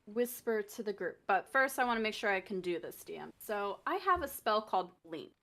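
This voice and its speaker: A woman's voice: medium pitch, lively intonation, brisk, fairly bright tone. Woman player asking spell questions. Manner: earnest, questioning. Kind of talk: tabletop role-play, asking rule questions.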